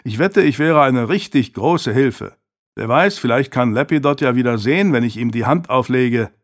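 A man's voice: mid-range voice, lively intonation, normal speed, natural voice. A man voicing a defiant, sarcastic teenage boy in an audiobook reading. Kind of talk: audiobook character voice.

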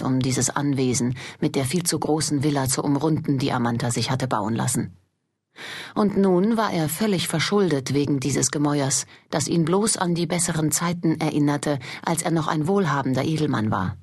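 A woman narrates a fantasy audiobook in a deep, husky voice. Her reading is measured and steady, with the pacing of scripted storytelling.

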